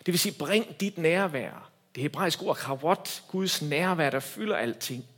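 A man preaching a sermon as a pastor, swinging between loud emphatic lines and hushed quiet ones. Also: a little high, lively intonation.

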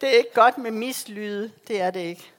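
A woman preaching a sermon, telling the story with feeling and acting out the lines of the people in it. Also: fairly high pitch. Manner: animated storytelling, acting out quoted voices.

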